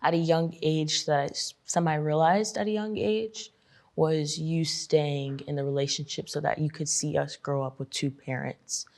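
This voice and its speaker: A young woman talking with her mother about family and divorce, earnest and open, often rushing and then slowing down. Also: deep voice, steady tone, a little mellow. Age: young adult. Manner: earnest, speeds up then slows down. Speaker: podcast host, daughter. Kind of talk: emotional family conversation.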